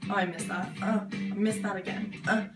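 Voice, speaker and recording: A woman's voice: mid-range voice, flat delivery, fairly quick. A woman giving casual let's-play commentary, impatient, swearing and muttering to herself as she plays. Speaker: gamer. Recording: echoey room. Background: loud game music.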